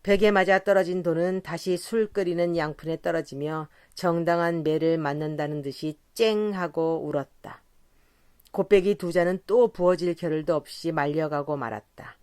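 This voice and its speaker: Audiobook narrator: woman, lowish voice, expressive storytelling, dry close recording. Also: normal speed, clean tone, dry recording. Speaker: audiobook reader.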